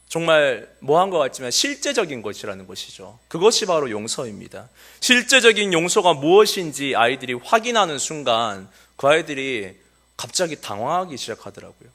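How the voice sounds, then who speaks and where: A man preaching a sermon as a pastor in a church, using many filler sounds and acting out the voices of the people he quotes. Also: a little high. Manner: animated, acts out quoted voices of children and Jesus. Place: church sanctuary.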